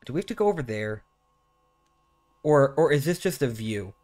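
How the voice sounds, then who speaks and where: Man, gaming host, casual chat, rambling, stammers, medium pitch. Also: animated, moderate pace, darkish tone, no echo. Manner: rambling, stammers and repeats words.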